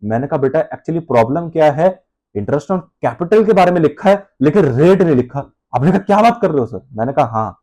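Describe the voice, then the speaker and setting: A man's voice: on the high side, expressive, moderate pace, mellow. A male accounts teacher giving a conversational lecture, calling students "beta", voicing their replies himself and often correcting and repeating himself. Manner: conversational, self-correcting, repeats key terms. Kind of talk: Hindi classroom lecture.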